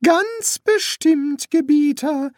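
A man voicing an ancient, pompous high priest who fawns over his master in an audiobook. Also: slow pace, darkish tone, no room sound, clean studio sound. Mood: fawning. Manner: pompous, fawning.

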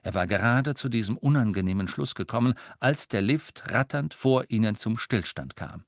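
A man narrating an audiobook in a steady storytelling voice. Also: lowish voice, moderate pace, no echo, studio quality. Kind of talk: scripted narration.

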